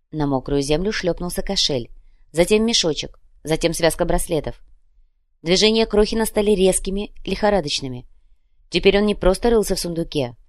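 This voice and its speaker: A woman narrating a tense audiobook in a measured voice. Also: lowish voice, dry recording, studio quality.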